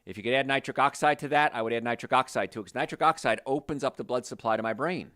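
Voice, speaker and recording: A man from New Jersey hosting a health podcast, talking to listeners in an animated, conversational way. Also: medium pitch, fast. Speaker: health show host. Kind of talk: promotional health podcast talk.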